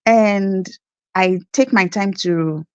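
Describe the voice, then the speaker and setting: A woman's voice: medium pitch, slow pace, smooth, dry recording, lo-fi sound. A woman with a Nigerian accent, a nurse telling her story in an interview, acting out the exchanges she describes. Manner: animated storytelling, acts out quoted exchanges. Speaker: guest nurse. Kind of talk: conversational interview.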